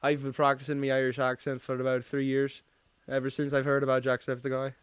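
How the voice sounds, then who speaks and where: A man's voice: mid-range voice, completely flat delivery, fast, clear, resonant tone, no echo. A man hosting a casual podcast, rambling and teasing his co-hosts. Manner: rambling, many "like"s and restarts, teasing. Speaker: podcast host.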